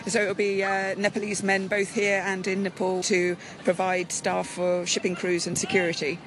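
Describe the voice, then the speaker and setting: A woman radio presenter interviewing a guest on location at a football pitch, asking quick, chatty questions. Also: completely flat delivery. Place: outdoors at a football pitch, in the shade. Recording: clear outdoor traffic noise.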